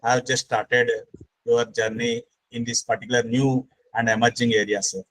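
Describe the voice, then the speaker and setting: A man's voice: medium pitch, level tone, moderate pace, a bit bright, low-quality recording. A man with an Indian accent explaining as a lecturer in an online session, emphatic and repetitive, often addressing the listener as sir. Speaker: speaker at a faculty training session. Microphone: online call microphone.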